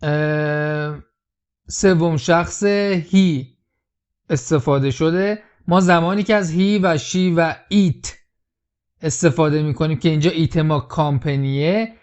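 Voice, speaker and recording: A man with a fairly high voice teaches English in a patient, explaining tone, and he says the key phrases slowly and carefully. The recording sounds a little dull and lo-fi. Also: darkish tone, clear, resonant tone. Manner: repeats English lines slowly, then explains them. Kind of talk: explaining film lines in a language lesson.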